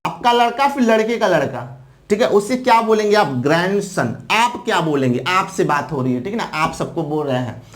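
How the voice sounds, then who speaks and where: A man's voice: high-pitched, lively intonation, fairly quick. A man teaching exam students, asking the viewer questions and answering them, often checking in with "right?". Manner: repetitive, checks in with "theek hai na" often. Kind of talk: classroom lecture.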